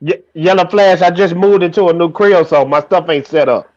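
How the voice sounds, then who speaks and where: A man's voice: sits high, steady tone, moderate pace, a little mellow, dry recording. Man with a tinny, metallic mic sound. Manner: eager slangy chatter. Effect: tinny, metallic, muffled mic sound. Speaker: co-host. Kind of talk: casual livestream chat. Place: newly moved home, gear not set up. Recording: tinny muffled lo-fi home mic.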